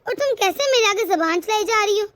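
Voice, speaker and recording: A woman's voice: extremely high pitch, animated, brisk, a bit bright, no room sound. A woman voicing a strict middle-aged mother-in-law in a cartoon family drama, lecturing her daughter-in-law. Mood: coaxing. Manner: scolding, lecturing. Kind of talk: cartoon voice acting.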